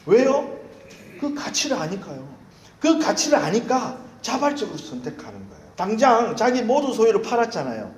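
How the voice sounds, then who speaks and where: A man preaching, his fairly high voice leaping up and down as he spins candid, self-mocking stories from the pulpit. The sound rings around an echoey church hall. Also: normal speed. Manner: animated storytelling with candid, self-mocking anecdotes. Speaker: pastor. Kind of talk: sermon.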